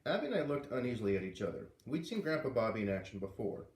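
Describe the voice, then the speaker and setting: A man reads a children's story aloud to kids, leaping into character voices with big pitch swings. His mid-range male voice is a little mellow and he reads fast, while the roomy sound suggests a mic across the room.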